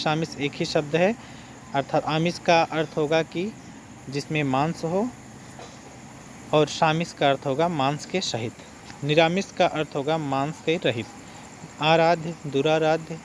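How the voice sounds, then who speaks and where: A man teaching an exam-prep lesson, reading out word pairs slowly and adding brief explanations. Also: fairly high pitch, a little hiss or hum.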